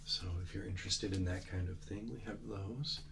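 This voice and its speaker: A man doing an ASMR role-play as a librarian, speaking in a hushed, halting, gentle way. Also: low-pitched, steady tone, vocal fry. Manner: halting, unhurried delivery with gentle explanations. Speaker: ASMR host playing a librarian who shows old books to a visitor. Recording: noticeable background noise and ambience.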